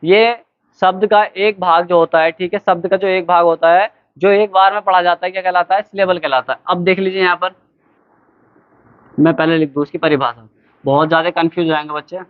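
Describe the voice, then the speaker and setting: A man teaching English grammar to students in a classroom-style lesson. He asks questions and answers them himself, calls the students "beta", and spells words out slowly letter by letter. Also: sits high, fairly even intonation, clean tone. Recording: tinny phone-like lo-fi recording.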